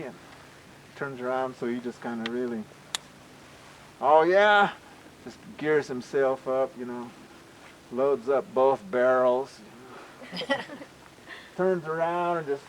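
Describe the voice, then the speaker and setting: A man tells a traditional folk story aloud in a loose, conversational manner, his voice sitting somewhat high for a man. He keeps adding casual asides as he goes. A faint hiss runs under the voice. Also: rough recording. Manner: conversational, frequent "you know" asides.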